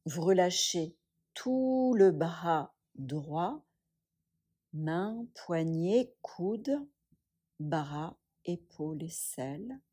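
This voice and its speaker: Her voice is lowish, with lively intonation, as she leads a yoga relaxation meditation. She speaks in a hushed, breathy, soothing manner and leaves long pauses.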